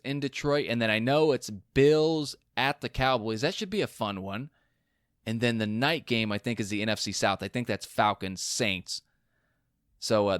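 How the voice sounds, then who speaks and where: A man hosting a solo sports podcast, talking fast in animated rants, his mouth going dry. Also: medium pitch, clear, resonant tone, no echo. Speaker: podcast host.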